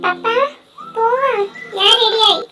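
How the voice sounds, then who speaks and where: A woman's voice: very high voice, slow pace, bright, forceful tone, soft background music, voice pushed up, exaggerated voice. Woman doing a whiny, dramatic college girl. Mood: soft. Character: sulky young woman, college-bound fan girl. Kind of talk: amateur fan dub drama.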